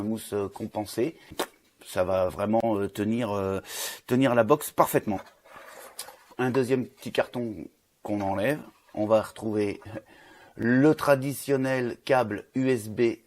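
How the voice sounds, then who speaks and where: A man's voice: lowish voice, darkish tone. A man, chatting casually through an unboxing review with lots of fillers and restarts. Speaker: vape reviewer.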